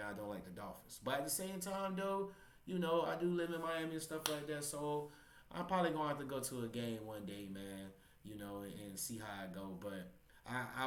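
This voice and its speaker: A man hosting a casual reaction vlog, rambling and stumbling over his words with lots of fillers, recorded in a room with noticeable echo. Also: mid-range voice. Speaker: reaction channel host. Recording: roomy echo.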